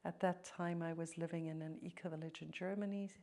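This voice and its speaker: A middle-aged woman from South Africa, speaking as an interview guest in a slow, reflective way that sometimes sinks to a near-whisper. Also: fairly low pitch, fairly even intonation, dark tone. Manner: slow, thoughtful, drops to near-whisper at times.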